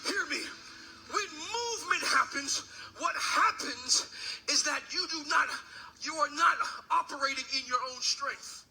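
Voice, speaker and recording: Pastor guy at the pulpit mic, really high bright voice, goes from quiet to shouting, bit of music underneath. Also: a little slow, poor audio. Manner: builds from hushed storytelling to shouted preaching. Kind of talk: sermon. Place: church sanctuary.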